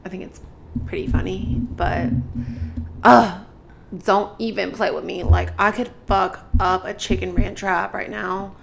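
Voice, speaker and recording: A woman's voice: mid-range voice, fairly even intonation, measured pace, creaky, noisy background. A young woman in her twenties co-hosting a podcast, chatting casually from a couch and saying "like" constantly. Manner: chatty, peppered with "like". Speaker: podcast co-host. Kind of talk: casual chat. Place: apartment couch.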